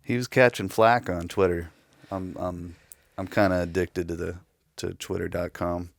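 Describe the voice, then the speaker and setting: A man's voice: low voice, fairly even intonation, moderate pace, gravelly, no room sound. A man in casual podcast chat, easygoing and laughing often into a close mic.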